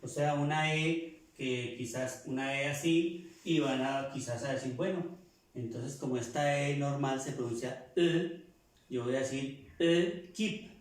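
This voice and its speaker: A man teaching a language lesson, repeating words slowly to drill their pronunciation. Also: mid-range voice, distant mic. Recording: echoey room, voice from off-mic.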